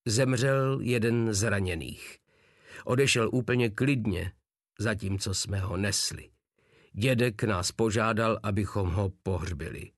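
A man narrating a war novel as a first-person audiobook, in an even, measured reading. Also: fairly low pitch, no room sound, studio quality.

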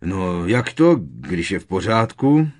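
A man voicing a blustering, bullying middle-aged uncle who barks and gloats loudly in an audiobook. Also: deep voice, animated. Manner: loud, barking and gloating. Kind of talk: audiobook character reading.

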